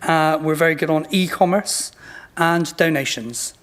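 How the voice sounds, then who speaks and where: A man's voice: a little high, measured pace, a bit bright. A man in his late fifties with a modern British RP accent, giving an informal product presentation in a self-deprecating manner. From Bristol, England. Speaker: company representative presenting.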